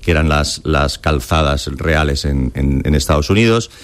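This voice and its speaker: With a very deep, clean, expressive voice at a moderate pace, a Castilian-accented Spaniard recounts stories in a conversational interview. He drops into imagined dialogue as he goes.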